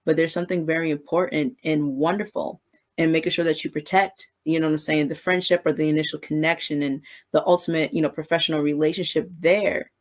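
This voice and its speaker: High-energy woman mentor, chatty devotional talk. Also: steady tone, brisk. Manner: self-described high energy, frequent "you know what I'm saying". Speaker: faith-based business mentor. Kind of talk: casual devotional teaching.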